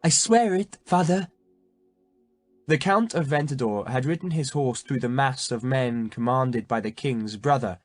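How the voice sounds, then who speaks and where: Measured male audiobook narrator. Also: medium pitch, no echo, soft background music. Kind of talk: scripted narration.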